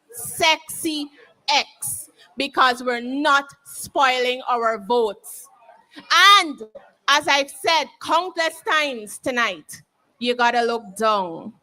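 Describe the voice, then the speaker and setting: Guyanese lady emceeing a rally, bright forceful voice, slow pace, talking straight to the people. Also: sits high, rough recording. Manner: exhorting, addressing listeners directly. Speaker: host of a political rally. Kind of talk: political rally emceeing, addressing the audience. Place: public political meeting.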